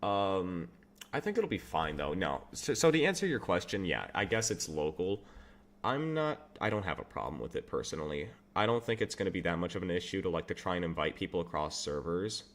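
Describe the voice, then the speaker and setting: Working while he streams, this young game developer talks briskly in a low, very lively voice. He meanders through questions from viewers, amusing himself along the way, and says his voice is loud.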